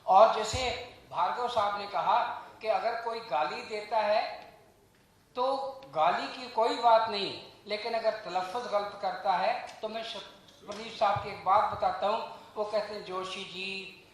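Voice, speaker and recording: A man's voice: high voice, measured pace, slight background noise. A man giving a formal, earnest speech at a book launch, reciting verse and making rhetorical points. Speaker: guest speaker at a book launch. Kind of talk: formal speech on language and pronunciation. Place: event hall. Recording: very echoey hall.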